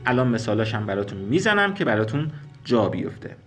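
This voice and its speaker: A man teaching a spoken language lesson, explaining slowly and repeating sounds and example words. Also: fairly low pitch, sing-song, soft background music. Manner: slow, careful explanations, repeating and spelling out sounds.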